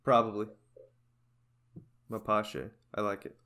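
A man's voice: lowish voice, moderate pace. A young man co-hosting a podcast, chatting casually about records and bands with lots of fillers. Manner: rambling, relaxed, many fillers. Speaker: podcast co-host. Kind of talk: casual chat.

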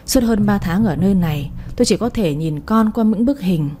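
Woman narrator, warm soft late-night storytelling, mid pitch. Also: animated, normal speed. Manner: soft, emotional first-person reading. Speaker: audiobook storyteller.

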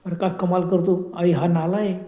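A man's voice: high-pitched, flat delivery, moderate pace, warm tone, reverberant, lightly acted. A man voicing a nervous young man in a horror story, anxiously questioning his companion. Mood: uneasy. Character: nervous young man carrying cash in the dark.

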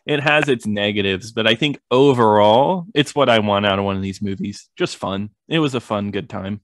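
A man's voice: lowish voice, moderate pace, dry recording, clean studio sound. A man co-hosting a film podcast in casual chat, laughing often and bantering with his partner. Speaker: podcast co-host.

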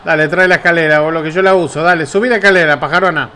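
A man with an Argentine accent giving excitable, profane commentary while playing a wrestling video game. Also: a little high, very fast. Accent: Rioplatense Spanish. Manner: excitable, swearing, taunting the game. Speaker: gameplay streamer. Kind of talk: casual gameplay commentary.

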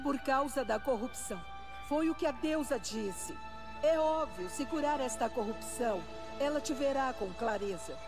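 Solemn, high-voiced elderly Brazilian matriarch. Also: female voice, moderate pace. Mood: fervent. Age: older. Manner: solemn, reverent. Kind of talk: dubbed video game drama. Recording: loud game music behind.

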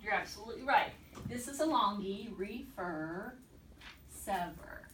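A woman teacher leading a classroom word-study lesson, encouraging and repeating words slowly and deliberately. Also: mid-range voice, lively intonation, noisy background. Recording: echoey classroom from far off.

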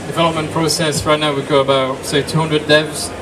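A man's voice: fairly high pitch, little pitch movement, fairly quick. A man from France in his thirties, a game designer talking casually and upbeat to an audience, repeating words. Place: small dark convention room. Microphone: distant camera mic. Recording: distant mic, loud room noise.

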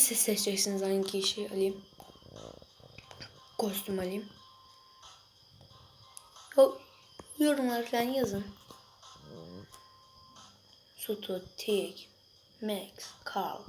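A young girl chatting excitedly to viewers while she plays a mobile game, reacting loudly to each moment. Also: mid-range voice, normal speed, noisy background. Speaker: gaming video creator. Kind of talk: casual gameplay commentary. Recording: music playing behind the voice.

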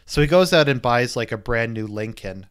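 A man's voice: mid-range voice, expressive, moderate pace, clean tone. A man giving a loose, casual spoken movie review as he rambles through the plot. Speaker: film reviewer.

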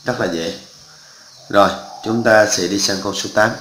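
Bright-voiced teacher man, echoey room. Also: on the low side, steady tone, moderate pace, a little hiss or hum. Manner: explains step by step, often checks if students understand. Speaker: math teacher. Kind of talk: exam walkthrough lesson.

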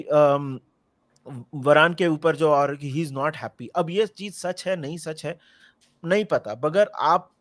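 Male panelist from India, slightly high voice, excitable and rambling, dry close mic. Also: no room sound. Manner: animated, rambling, frequently forgets names. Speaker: football podcast panelist. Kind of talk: casual football chat mixing Hindi and English.

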